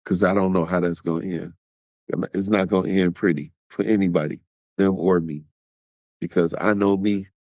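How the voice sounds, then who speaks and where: Speaking straight to his audience in a conversational way, a male podcast host occasionally acts out other people's words. His voice is low and darkish, and the recording is dry.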